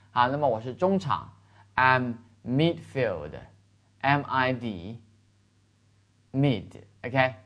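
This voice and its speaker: A man teaching an English lesson, explaining in Chinese, spelling words letter by letter and having learners repeat after him. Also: mid-range voice.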